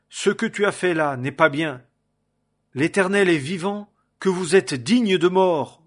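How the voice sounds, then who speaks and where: A man's voice: medium pitch, fairly bright tone. A man voicing a young male warrior, declaiming in a raised voice.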